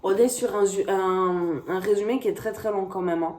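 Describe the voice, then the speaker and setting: A woman's voice: mid-range voice, moderate pace, darkish tone, a little hiss or hum. A woman reviewing a book in a chatty, hesitant way, talking straight to the viewer. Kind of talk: casual book review chat.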